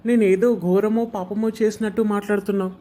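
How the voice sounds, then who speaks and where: A man's voice: sits high, little pitch movement, fast talker, mellow, natural voice. A young man playing a spoiled, selfish rich son who talks back rudely and dismissively, in an amateur short drama. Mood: annoyed. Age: young adult. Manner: dismissive, rude, whiny.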